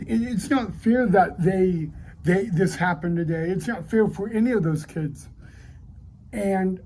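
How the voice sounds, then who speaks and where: A woman's voice: lowish voice, warm tone, a little hiss or hum. A woman hosting her own channel, crying as she speaks to viewers and stumbling over repeated words. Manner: halting, tearful, repeats herself. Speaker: channel host. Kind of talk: emotional direct-to-camera address.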